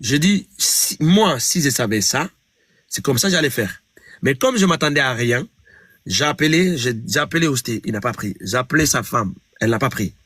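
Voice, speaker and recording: A man's voice: medium pitch, expressive, moderate pace, a bit bright, breathy edge, no echo. A man from Guinea, a singer telling an interviewer about a song dispute and replaying each exchange with emphatic repeats. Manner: retells conversations, repeating "j'ai dit", emphatic. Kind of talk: interview storytelling.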